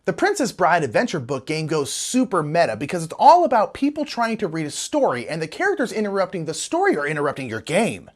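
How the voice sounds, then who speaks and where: Lively woman as parody news anchor. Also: fairly low pitch, fast talker, hardly any pauses. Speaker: co-host of a satirical board game news show. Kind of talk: scripted comedic news.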